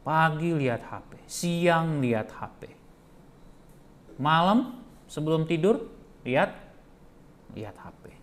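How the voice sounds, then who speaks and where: A male pastor preaching to his church, swinging from loud emphatic bursts to soft asides, telling jokey stories and calling out to the congregation. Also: on the high side, lively intonation, takes it slowly, long pauses. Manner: jokey storytelling with chuckles, often calls out to the congregation. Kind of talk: sermon.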